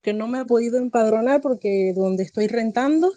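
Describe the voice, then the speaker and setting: Warm-voiced woman caller. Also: a little high, dry recording. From Venezuela. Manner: measured, hesitant, with fillers. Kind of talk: asking questions on a call-in.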